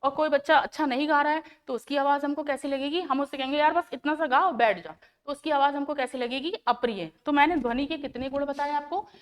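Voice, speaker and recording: A woman science teacher with a high voice and a North Indian Hindi accent teaches schoolchildren. She asks questions and answers them herself, patiently repeating each key term. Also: steady tone, fast, few pauses. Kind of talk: classroom lesson explaining to children.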